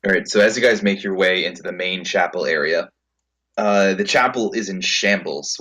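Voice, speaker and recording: A man with a very low voice narrates a tabletop game as its game master. He describes each scene in a halting way, full of ums and small restarts. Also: fairly bright tone, poor audio.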